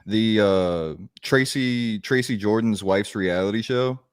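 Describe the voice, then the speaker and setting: Low, deadpan male podcast co-host. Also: slow, clear, resonant tone, no echo. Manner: dry, deadpan jokes. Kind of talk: casual podcast banter.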